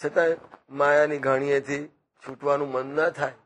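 A man giving a devotional discourse, teaching through slow, repetitive parables and acted-out quotes. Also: fairly high pitch, little pitch movement, a bit bright. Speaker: spiritual speaker.

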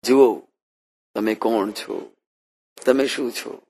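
A man preaching a devotional sermon in an earnest, reverent way, slowing down to recite verses. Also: medium pitch, darkish tone, husky. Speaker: spiritual preacher.

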